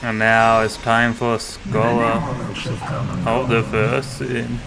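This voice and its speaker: A man's voice: mid-range voice, completely flat delivery, takes it slowly, gravelly, a loud crowd, poor audio. A man streaming a game, chatting casually and joking as he plays. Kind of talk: casual gameplay commentary.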